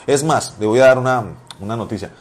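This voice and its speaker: A man's voice: mid-range voice, quick pace. A man, preaching informally as a pastor, telling personal stories and repeating phrases for emphasis.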